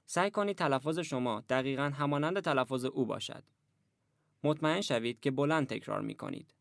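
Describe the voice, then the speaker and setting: A man narrating a language lesson, giving measured, even instructions in a scripted way. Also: medium pitch, gravelly, dry recording, studio quality.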